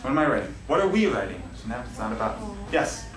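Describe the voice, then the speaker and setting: A math teacher with a medium-pitched voice teaches algebra to his class, speaking fast and very animatedly as he jokes, laughs, and quizzes his students. The classroom sounds echoey and noisy, picked up by a distant mic.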